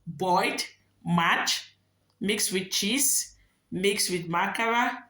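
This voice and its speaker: A woman's voice: mid-range voice, slow, sharp tone, rough recording. A young adult woman who immigrated to Finland, vlogging casually in an upbeat, enthusiastic way and laughing often. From immigrant living in Finland. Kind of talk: casual vlog with a repeated catchphrase.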